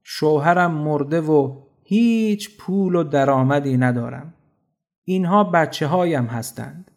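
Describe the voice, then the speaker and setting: A man's voice: fairly high pitch, natural voice. A man voicing a grieving poor widow. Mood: pleading. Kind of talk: storybook narration.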